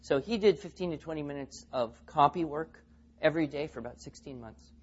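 Husky guy giving a seminar talk to teachers, acts out the stories, muffled lo-fi recording. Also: fairly high pitch, brisk. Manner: storytelling, acts out quotes.

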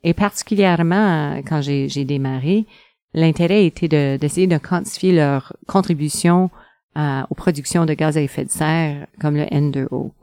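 A middle-aged researcher answers interview questions in a low, smooth, resonant voice. She speaks hesitantly, with frequent pauses and fillers. The sound is close and dry. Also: dark tone, no room sound. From northern Ontario.

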